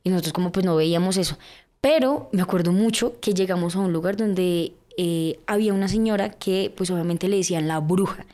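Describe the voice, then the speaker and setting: A young woman with a Colombian accent, a podcast guest telling her life story in a lively way, with lots of fillers and acted-out quotes. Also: fairly low pitch, brisk. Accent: Colombian Spanish. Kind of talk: personal storytelling in a podcast interview.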